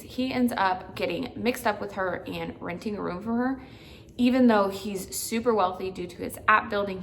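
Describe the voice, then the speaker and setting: Gravelly-voiced woman chatting about books. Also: mid-range voice, slight background noise. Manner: chatty, rambling, many "like" fillers; exasperated ranting at times. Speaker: book vlogger. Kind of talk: casual book review chat.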